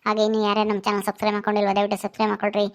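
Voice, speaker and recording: A woman host closing a storytelling video with a brisk sign-off. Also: mid-range voice, monotone. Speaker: channel host. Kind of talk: video outro.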